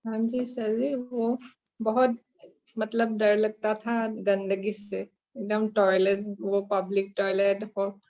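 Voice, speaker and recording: A woman student casually sharing an experience in halting phrases over a lo-fi online call. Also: medium pitch, flat delivery, a little mellow.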